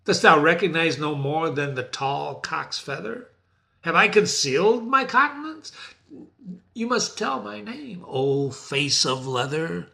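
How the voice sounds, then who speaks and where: A sly male devil speaks with lordly scorn, as a man puts him on, drawing out his words slowly. His voice swings widely and sounds bright and forceful. This is a dramatic reading. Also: a little high, lively intonation, vocal fry, exaggerated voice. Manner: mocking, lordly.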